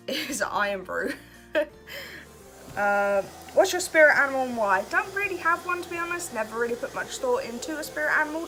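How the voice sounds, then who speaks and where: Fairly high-pitched with a sharp tone, this Kent vlogger in her twenties answers questions in a casual get-to-know-me video. It's late at night and she's relaxed, chatty, self-deprecating and quick to laugh.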